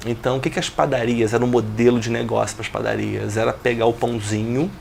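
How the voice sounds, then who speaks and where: A Brazilian man in his forties, appearing as an interview guest, tells his life story of building his business, speaking fast but evenly and reflectively, with plenty of business jargon. His middle-pitched voice has a gravelly, fry-tinged edge, and faint noise runs beneath the recording.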